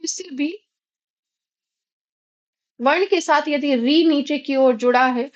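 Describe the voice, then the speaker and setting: A woman's voice: sits high, slow pace, dull audio. An Indian woman teaching a Hindi grammar lesson, patiently posing questions and answering them herself. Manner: patient, asks and answers her own questions.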